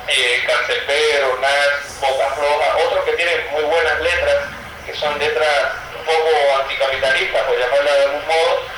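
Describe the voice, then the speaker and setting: Young Cuban writer, Cuban Spanish accent, hesitant interview answers, flat delivery, recorded off-mic. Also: male voice, on the high side, recorded from a distance. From Cuba. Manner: thoughtful, with frequent hesitations and fillers. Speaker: writer and poet, guest. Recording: roomy sound, from the mic, faint noise.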